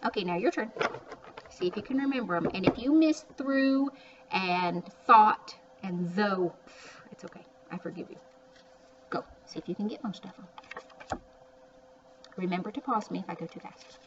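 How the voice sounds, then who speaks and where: An early reading teacher walks young children through a word-by-word phonics lesson, sounding out words, repeating them, and tossing in chatty asides. Her voice is medium in pitch at a normal speed, with frequent pauses. The mic sits at a distance, so the sound is muffled with faint background noise.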